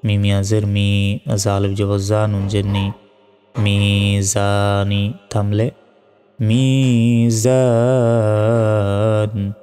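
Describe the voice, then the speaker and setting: A man teaching recitation, spelling out each letter and vowel mark, then chanting the verse slowly. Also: fairly low pitch, completely flat delivery. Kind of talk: slow spelling-out lesson with recitation. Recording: reverberant room with soft music.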